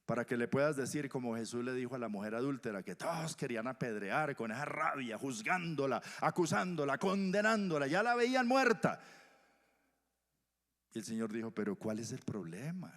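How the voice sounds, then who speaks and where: A male pastor from Colombia preaching a sermon, swinging from loud emphasis to hushed whispers. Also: mid-range voice, quick pace, hardly any pauses. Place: church hall. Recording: church hall reverb.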